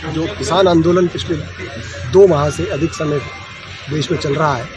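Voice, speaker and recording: A man's voice: a little high, fairly even intonation, moderate pace, music in the background, poor audio. A man answering a reporter's questions at a farmers' meeting, speaking earnestly and formally, sometimes restarting his words. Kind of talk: spontaneous on-the-spot interview. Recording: outdoors with loud background noise. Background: loud outdoor ambience.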